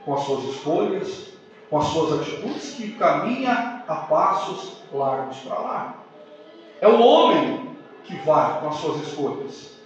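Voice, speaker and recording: A pastor preaching a sermon, asking the congregation questions. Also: male voice, high voice, distant mic, slight background noise. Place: church hall. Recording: echoey church heard from afar, dull sound.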